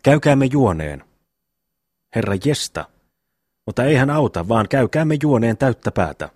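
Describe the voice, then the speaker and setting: A man's voice: medium pitch, big pitch swings, darkish tone, husky, no echo, studio quality. A man voicing a brash, bossy eldest peasant brother in a classic audiobook reading. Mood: blustering. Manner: bossy, quick to scold.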